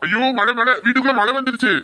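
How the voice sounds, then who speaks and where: A man's voice: very high-pitched, steady tone, fast talker, sharp tone, faint music behind. A man playing a sleepy, exasperated husband in a comic couple sketch. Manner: grumbling, exasperated. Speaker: sleepy husband in a comedy skit.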